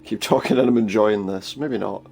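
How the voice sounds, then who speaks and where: Low, creaky-voiced man commenting on a game. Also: normal speed, darkish tone, slight background noise. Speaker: gaming video host. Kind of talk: casual playthrough commentary, reading game text aloud.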